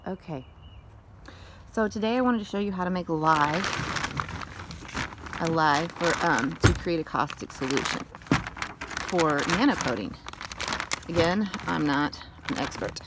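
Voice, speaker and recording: A woman's voice: deep voice, gravelly, a little hiss or hum. Rambling, chatty woman outdoors. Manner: rambling, chatty, wanders into tangents. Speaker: vlogger showing how to make lye. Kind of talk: casual how-to demonstration. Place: outdoors on a sunny day by a wood fire.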